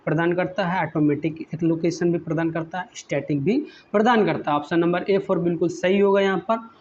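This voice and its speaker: A man with a slightly raised voice teaches through a list of exam questions. He reads each English question slowly, then explains it in Hindi and keeps prompting with repeated questions. The recording is a bit dull and muffled, with a faint hiss. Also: high-pitched, steady tone, a little mellow.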